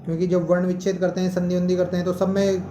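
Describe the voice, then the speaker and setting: A male teacher, explaining a lesson slowly and posing questions to students. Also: high voice, completely flat delivery, echoey room, background noise. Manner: slow, explanatory, asks questions. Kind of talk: classroom-style lesson.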